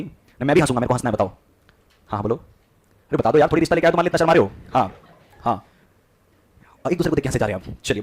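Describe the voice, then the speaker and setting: A man teaching a class, lecturing and constantly quizzing his students with repeated questions, mixing English terms into Hindi. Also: mid-range voice.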